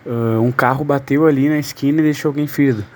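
A man from southern Brazil with a Porto Alegre accent, explaining things in a relaxed voice message and acting out examples. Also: mid-range voice, fast. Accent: Porto Alegre Brazilian Portuguese. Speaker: listener sending a voice message.

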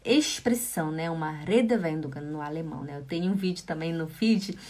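A Brazilian woman gives a casual online German lesson. She explains patiently and chattily, repeating examples slowly and checking in with her viewers as she goes. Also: low voice, darkish tone. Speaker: German teacher. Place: lives in Switzerland.

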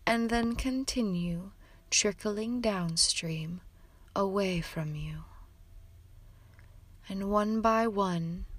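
Slow, soft-spoken woman guiding meditation. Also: medium pitch. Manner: soft, slow and soothing, drifting often into whispers. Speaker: meditation guide. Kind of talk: guided meditation narration.

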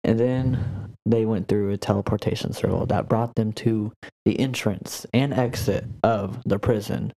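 A man's voice: on the low side, steady tone, measured pace, creaky, warm tone, low-quality recording. A young man narrating as game master, loose and joking, with a lot of fillers.

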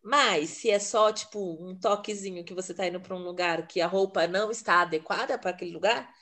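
A woman's voice: lowish voice, a bit bright. A woman in casual conversation, chatty and often laughing between points. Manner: chatty and laughing, quick asides. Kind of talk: casual chat.

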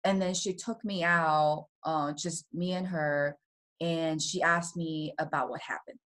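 A woman from Taiwan, a guest in an interview, telling her personal story in a soft voice with nervous little laughs. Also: low-pitched, steady tone, unhurried. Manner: soft-spoken, laughs nervously between painful memories.

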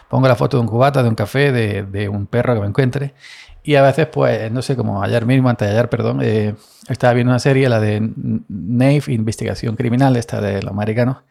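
A man's voice: medium pitch, steady tone, brisk, creaky, darkish tone. A man from Andalusia, talking casually on his own podcast in a rambling, self-deprecating way with many fillers and restarts. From Andalusia, Spain. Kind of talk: casual solo podcast monologue.

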